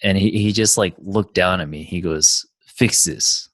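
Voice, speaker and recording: A man with a very deep voice tells a story in casual podcast chat. He rambles, swears freely and fills every gap with "like". The sound is dry and close. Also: normal speed, a bit bright, no room sound. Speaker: podcast co-host.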